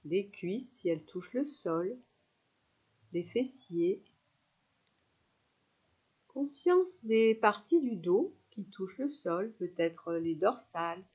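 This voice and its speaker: At a very slow pace, a woman guides a relaxation meditation, pausing between her instructions in a soothing, unhurried way suited to a yoga nidra class. Her medium-pitched voice is mellow, husky, and expressive.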